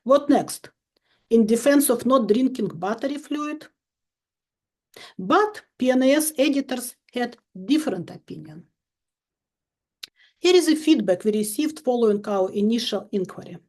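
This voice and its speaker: Higher-voiced woman lecturing with dry irony. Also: animated, measured pace, long pauses, a little mellow. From Ukraine. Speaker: chemistry professor giving a keynote. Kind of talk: recorded lecture.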